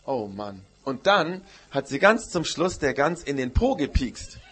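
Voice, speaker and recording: A man's voice: mid-range voice, sing-song, unhurried, fairly bright tone, breathy edge. A man, a pastor telling a Bible story to children in church, with many questions to them. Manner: storytelling to children, asks questions, uses "gell".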